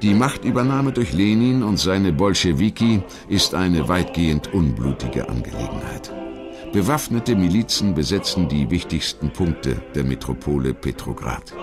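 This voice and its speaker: A low-pitched man reads scripted documentary narration, telling the story in a measured, dramatic way.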